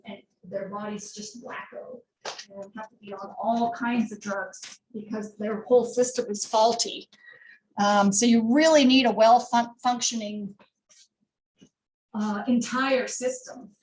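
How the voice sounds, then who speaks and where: A woman's voice: on the high side, slight background noise. Woman, nursing instructor, casual lecture style, fillers and asides, roomy distant classroom recording. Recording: roomy classroom audio from far off.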